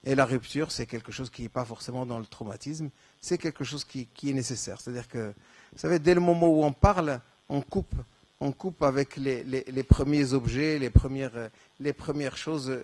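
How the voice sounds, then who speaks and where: In a dry recording, a conference speaker from Morocco responds to questions in a lecture hall with many fillers and false starts. He grew up speaking Darija, and his voice is mid-range, darkish, and moderately paced.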